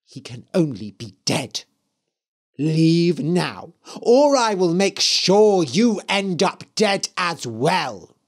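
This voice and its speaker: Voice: mid-range voice, very animated, very slow, voice pushed up, exaggerated voice. A man voicing a cruel vain queen. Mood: angry threat. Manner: imperious and sharp. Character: cruel vain queen, middle-aged woman, commanding.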